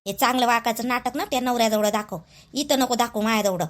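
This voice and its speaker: A woman's voice: fairly high pitch, fairly even intonation, fast talker, lightly acted. A woman playing a scornful village mother-in-law. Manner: scolding, sharp and mocking. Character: harsh scolding middle-aged mother-in-law. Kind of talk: village family drama acting.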